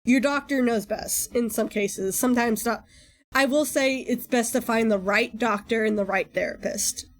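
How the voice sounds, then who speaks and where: A woman's voice: fairly high pitch, moderate pace. A woman streamer chatting informally and in a rambling way on a livestream while reacting to videos. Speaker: streamer, VTuber host.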